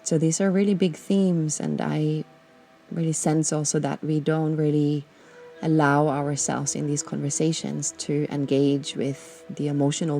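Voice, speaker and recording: A woman from Austria hosting a podcast, guiding listeners through a slow, gentle reflection with many pauses and fillers. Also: sits low, gravelly. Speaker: podcast host. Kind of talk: guided reflection and personal talk.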